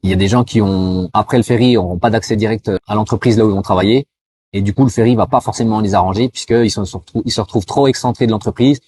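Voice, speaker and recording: A man from France talking casually to the viewer, full of fillers, slowing down to spell out greetings. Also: lowish voice, darkish tone, breathy edge. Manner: chatty, addresses viewer as tu, frequent euh fillers; slows down to demonstrate pronunciation. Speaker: vlogger giving advice to cross-border workers. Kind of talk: casual explanatory talk with mini language lesson.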